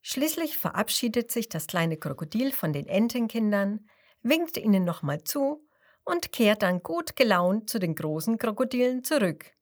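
A woman reading a children's story aloud to a child, slow and expressive, sometimes dropping to a whisper. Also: mid-range voice.

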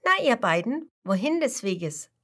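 A woman voicing a small, curious little monkey asking quick questions. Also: on the high side, big pitch swings, fairly bright tone, voice pushed up, exaggerated voice.

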